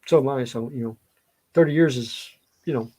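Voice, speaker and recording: A middle-aged man with a Southern US accent chats casually and spins rambling stories. His voice is mid-range and mellow, moving at a normal speed.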